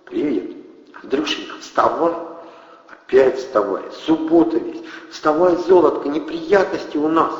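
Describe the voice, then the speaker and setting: A man's voice: animated, a little slow, a little mellow. A man reading an audiobook raises his voice to play a young woman coaxing her lover awake. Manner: high, coaxing. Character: young woman, doting and urgent. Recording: dull, roomy, long reverb.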